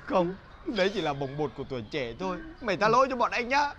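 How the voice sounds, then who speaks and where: A man playing a high-voiced, rowdy young guy. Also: big pitch swings, a crowd in the background. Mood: pleading. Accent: Northern Vietnamese. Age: young adult. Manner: fast, exaggerated pleading and scolding. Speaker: actor in comedy sketch.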